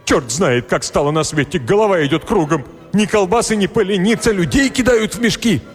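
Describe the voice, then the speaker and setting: A man doing a shrill, frightened weaver. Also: brisk, lightly acted. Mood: panicked. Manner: shrill, panicky outcries. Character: frightened excitable male weaver. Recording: roomy reverb, soft music behind.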